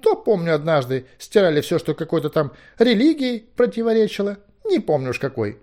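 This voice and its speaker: A scatterbrained old male wizard, voice jumping way up high and swooping all over, rambly and fussy, stretching his words out. sounds like a storybook reading. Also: very animated, darkish tone. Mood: rambling. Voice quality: high, fluttery, flustered. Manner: rambling, hesitant, with drawn-out words. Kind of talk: audiobook character voice.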